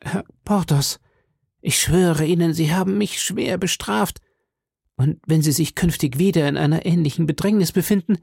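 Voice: mid-range voice, moderate pace, vocal fry, a little mellow, husky, no echo, studio quality, voice pushed up. A reader voicing a jealous, middle-aged lawyer's wife who pleads and sounds wounded in an audiobook. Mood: pleading. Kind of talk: audiobook character reading.

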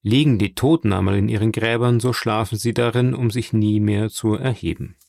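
A man voicing a proper, anxious gentleman who speaks in a formal, placating way in an audiobook. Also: fairly low pitch, fairly even intonation, moderate pace, gravelly, no room sound, clean studio sound.

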